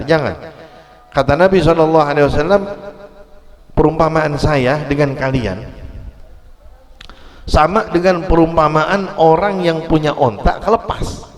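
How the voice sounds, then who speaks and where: Man preaching, fairly high voice, animated storyteller, long hall reverb. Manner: animated storytelling with rhetorical questions; fast murmured prayer in a low voice. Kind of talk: sermon.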